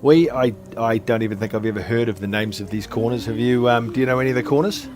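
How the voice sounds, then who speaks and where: A man's voice: medium pitch, fast, a crowd in the background. Chatty man, loose and rambling. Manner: loose and chatty, self-deprecating, many fillers. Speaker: co-host doing the visuals. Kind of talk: casual sim racing stream commentary.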